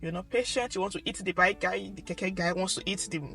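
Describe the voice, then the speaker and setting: Gossipy Nigerian woman vlogger, gravelly. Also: medium pitch, fairly quick, soft background music. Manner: animated, gossipy, mimics others mid-story. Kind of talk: casual storytime chat.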